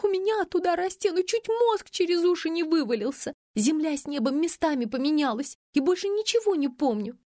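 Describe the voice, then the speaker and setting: A woman reader voicing a frightened, whiny young woman who complains and whimpers in a high, teary voice. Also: very animated, fairly quick, hardly any pauses, dark tone, dry recording, studio quality. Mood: whining.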